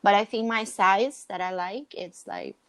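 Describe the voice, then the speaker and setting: Slow-talking frank woman guest. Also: mid-range voice, sing-song. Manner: unhurried, frank, laughs often. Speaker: interview guest. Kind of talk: casual interview chat. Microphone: podcast mic.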